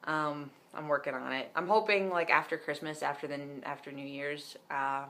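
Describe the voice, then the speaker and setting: With a steady, sharp tone at normal speed, this young man's somewhat high voice occasionally cracks as he vlogs a casual diary update from home. He rambles, saying "um" and "like" a lot.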